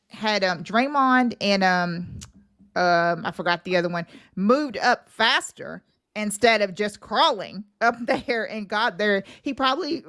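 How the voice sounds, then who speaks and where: A woman with a mid-range, fairly bright voice appears as a guest on a sports talk show. She chats casually and colloquially, offering plenty of opinion.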